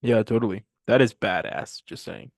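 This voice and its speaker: A man's voice: fairly low pitch, fairly even intonation, moderate pace, no echo. Laid-back male host, dry sound. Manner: laid-back, agreeable, slangy. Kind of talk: casual chat.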